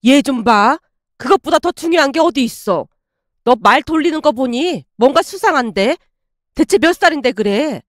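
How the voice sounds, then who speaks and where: A woman voicing an anxious middle-aged mother who nags and frets, in a high voice. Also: animated, moderate pace, no room sound, clean studio sound. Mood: scolding. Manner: nagging, worried.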